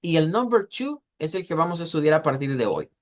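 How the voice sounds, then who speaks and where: A man's voice: a little high, sing-song. Man teaching pronunciation, repeating words. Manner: explanatory, repeats words slowly to model sounds. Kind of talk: online class lecture.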